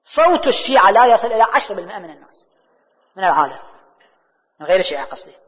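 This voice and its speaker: Man, preacher, religious sermon, high and animated voice, rhetorical questions, long echo, muffled recording. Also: racing. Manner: rhetorical questions answered himself, swinging between soft and loud. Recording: dull hall recording with long reverb.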